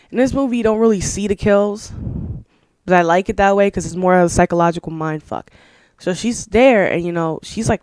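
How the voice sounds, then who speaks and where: Casual film review, rambling, profane, filler-heavy, dry close sound, middle pitch. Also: darkish tone, no room sound. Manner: rambling and profane, full of "you know" and "like"; laughs between remarks.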